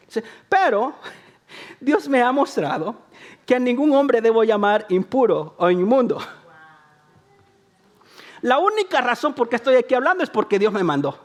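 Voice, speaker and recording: A pastor from El Salvador, a man with a high voice, preaches a sermon and talks to the congregation conversationally. He repeats phrases for emphasis and jokes about himself.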